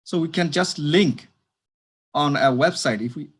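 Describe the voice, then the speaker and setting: A man from Bangladesh giving an online presentation as a librarian over a video call, halting with many fillers and restarts. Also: fairly high pitch, breathy edge. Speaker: librarian giving a webinar talk.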